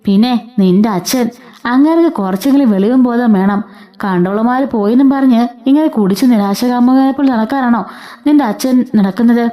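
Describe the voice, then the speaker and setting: A woman's voice: a little high, normal speed, dark tone, lightly acted. A woman voicing a bitter, harsh middle-aged mother who accuses and scolds. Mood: scolding.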